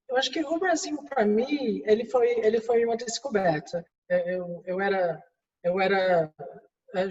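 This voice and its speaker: A guest executive, a middle-aged woman from England with an English accent, is interviewed in a second language and answers with many restarts and fillers. Her voice is medium-pitched and a little mellow, and the recording is distant, roomy and dull.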